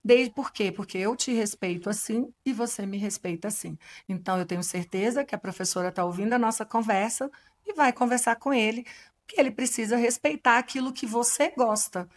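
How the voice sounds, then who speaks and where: A woman in her forties, a family lawyer, talking as a podcast guest and telling a personal story with lively acted-out dialogue. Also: on the high side, a little fast. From Brazil. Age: 40s. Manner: animated storyteller, acts out dialogue. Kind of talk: casual interview storytelling.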